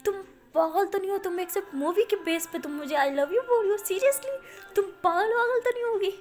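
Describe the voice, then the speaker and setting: A flustered young college girl, her high voice climbing higher as she protests in exasperated, high-strung bursts, as a woman storyteller puts her on. Storybook telling, close to the mic. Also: moderate pace, faint music behind.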